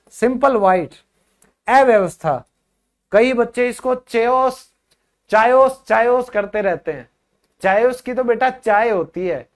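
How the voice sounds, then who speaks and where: Slow, patient male pronunciation teacher. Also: very high-pitched. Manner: patient explaining with repeated drilled words; addresses viewers as children and friends. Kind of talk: video lesson.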